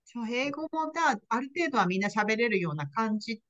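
A woman's voice: a little high, animated, fast talker, fairly bright tone, lo-fi sound. A woman hosting a podcast interview in casual chat, often nodding along with short agreements and laughing. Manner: frequent nodding backchannels and laughter. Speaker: podcast host, ICU nurse.

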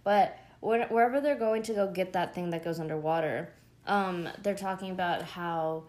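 Low-voiced young woman rambling casually. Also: normal speed, a little mellow. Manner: rambling, many fillers, gushing asides. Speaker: show recap vlogger. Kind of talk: casual chat.

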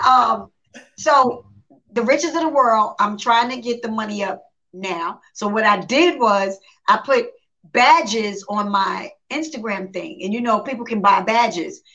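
Her voice sits a little high and she speaks at a measured pace. As a guest singer in a relaxed interview, she spins stories, performs quotes and laughs a lot, heard through dull, lo-fi live stream audio.

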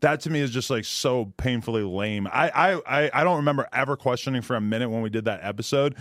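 A man's voice: medium pitch, fast, fairly bright tone, no room sound, clean studio sound. A man hosting a podcast, talking in long rambling, emphatic stretches. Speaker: podcast host. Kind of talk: casual chat.

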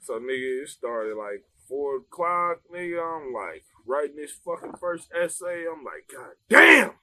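Animated young man telling a story. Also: on the high side, unhurried. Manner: animated, laughing, heavy slang and swearing. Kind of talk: casual storytelling chat.

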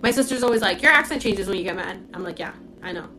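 A young woman from Puerto Rico who grew up in Florida hosts a casual livestream, answering viewers' comments on her phone. She is blunt and candid, swears freely and says "like" constantly, in a mid-range, pushed and bright voice with lively intonation and a quick pace. Slight background noise is present.

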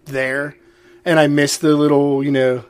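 A man in a casual podcast chat, talking in a relaxed, drawn-out, joking way. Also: on the high side, smooth.

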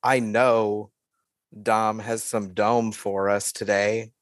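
A man hosting a casual sports podcast, playful and quick to laugh. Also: on the low side, little pitch movement, dry recording. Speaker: podcast host. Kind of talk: casual chat.

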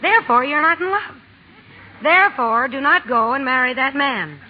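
An actress in a 1940s radio drama playing a blunt, spirited young tomboy who wants to write, with an emphatic, plain-spoken way. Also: female voice, high voice, animated, normal speed. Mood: bossy, teasing. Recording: old lo-fi radio recording, music behind.

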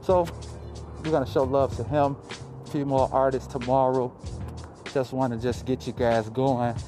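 A man with a mid-range voice and flat delivery hosts a casual motivational podcast at a moderate pace. Swearing and repetition give his points emphasis. A face mask slightly muffles him at the close mic, with music in the background.

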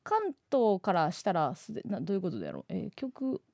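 A woman's voice: medium pitch, huge pitch swings, vocal fry, dark tone, no echo. Osaka lady radio host, jokey and brash, voice jumps all over, dry close studio sound. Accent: Osaka Japanese. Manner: brash, joking, quick to laugh. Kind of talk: live radio chat.

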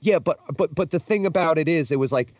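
A young man, a touring musician appearing as a podcast guest, rambles through tour stories in casual chat, profane and full of fillers and restarts. His voice is fairly high and quick, and the recording is muffled with no room sound.

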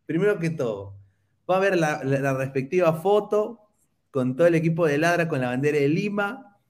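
Speaking fairly quickly with lively intonation, this Peruvian host pokes fun at rival fans on his football podcast. He reads viewer comments aloud with an easy, mocking edge, his voice sitting a little high for a man.

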